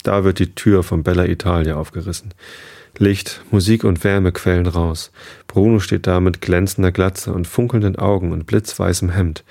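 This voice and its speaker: Casual: deep creaky guy reading a kids' story aloud, first person. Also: steady tone, normal speed, darkish tone. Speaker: narrator. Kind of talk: scripted narration of a children's story.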